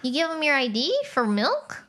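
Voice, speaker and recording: A woman co-hosting a podcast, tossing in skeptical questions and quick asides in casual chat. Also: high-pitched, very animated, bright, forceful tone. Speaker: podcast co-host.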